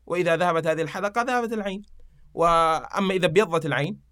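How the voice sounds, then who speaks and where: A man's voice: a little high, very fast, no echo, clean studio sound. A man, telling old anecdotes and reciting verse in a casual podcast chat. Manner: animated storyteller reciting poetry, fillers.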